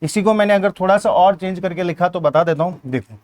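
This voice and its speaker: A man's voice: high voice, brisk, a little mellow. A man with a Hindi accent teaching an exam-prep grammar lesson, explaining step by step and asking questions that he then answers himself.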